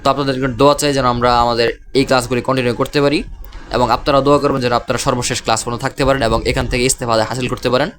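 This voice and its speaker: Male Quran reading teacher, patient and instructive, slow drawn-out syllable drills. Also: medium pitch, level tone, fairly bright tone. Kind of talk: online pronunciation lesson.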